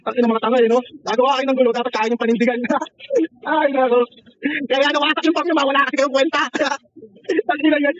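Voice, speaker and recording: A man with a very high, fast voice taunts rival players over game voice chat, laughing and cursing between his jabs. The mocking never lets up. The sound is a little muffled, with faint noise underneath. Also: steady tone, a bit bright. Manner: mocking and taunting, laughing often, swearing freely. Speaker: online gamer. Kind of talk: trash-talking game voice chat.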